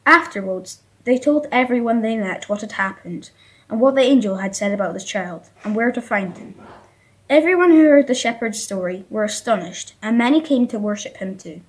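A woman reading the end of a nativity story aloud for a church community video, steady and plain. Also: on the high side, normal speed, poor audio. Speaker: story reader.

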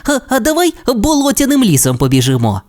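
A man voicing an excitable young boy troodon dinosaur in a children's audio tale, talking in eager exclamations. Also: extremely high pitch, brisk, pitched above the performer's own voice, exaggerated voice. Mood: excited.

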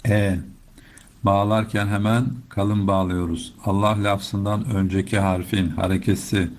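A middle-aged man teaching Quran recitation step by step, explaining patiently and chanting verses slowly. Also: lowish voice, darkish tone. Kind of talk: slow step-by-step recitation lesson.

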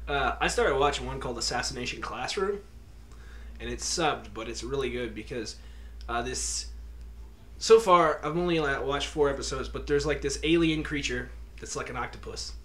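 A man's voice: mid-range voice, moderate pace, fairly bright tone. A young man co-hosting a podcast, joking around and laughing in casual chat, swearing freely. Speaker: podcast co-host.

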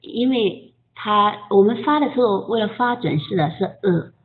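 A woman teaching English pronunciation in an online group lesson, patiently coaching and modeling sounds slowly. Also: mid-range voice, expressive. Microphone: voice chat. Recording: tinny phone-like line.

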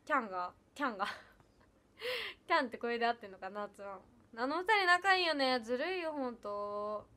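A woman's voice: a little high, big pitch swings, moderate pace, pushed and bright. A young woman, chatting casually on a livestream, giggly and chatty as she reads comments and thanks viewers. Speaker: idol livestreamer.

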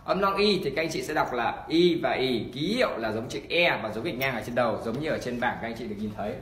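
A man teaching an online pronunciation lesson, repeating example words slowly and encouraging learners. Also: medium pitch, expressive, fairly bright tone, a little hiss or hum. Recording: echoey room.

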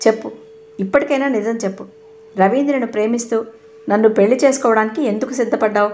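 A woman's voice: on the high side, fast, darkish tone, natural voice. A woman narrator voicing a stern, sarcastic young husband who fires accusing questions.

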